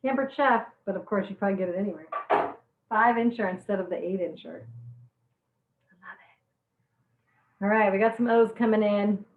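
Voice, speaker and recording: A woman's voice: mid-range voice, fast talker, echoey room, narrow, tinny audio. A woman teaching a live online cooking class, chatty and bubbly, teary-eyed from chopping onions. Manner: bubbly, chatty, laughs at her own jokes.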